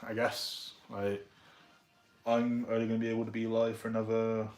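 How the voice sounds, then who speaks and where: A man's voice: lowish voice, monotone, normal speed, darkish tone. A young man with a Southern English accent, chatting loosely and rambling with his viewers on a live stream. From England. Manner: rambling, loose, with many fillers. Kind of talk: casual live-stream chat.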